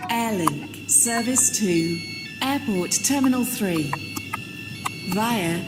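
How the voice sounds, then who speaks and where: A woman's automated station announcement over a public-address system, slow and measured. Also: mid-range voice, animated, big-room sound, loud music behind the voice.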